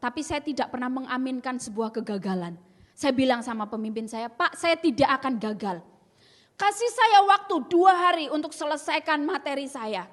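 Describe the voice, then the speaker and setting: A woman's voice: high-pitched, animated, fairly quick. A young adult woman giving an earnest testimony sermon, telling her story emphatically and acting out the dialogue. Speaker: speaker sharing a testimony. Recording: long reverb in a large hall.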